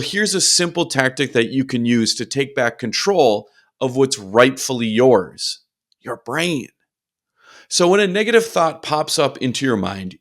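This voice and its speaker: A man's voice: fairly high pitch, fairly bright tone. A man coaching in a motivational video lesson, upbeat with playful asides.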